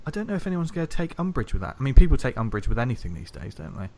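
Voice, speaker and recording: Jokey podcast host. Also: male voice, medium pitch, sing-song, racing, darkish tone. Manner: jokey, laughs often. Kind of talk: casual podcast chat.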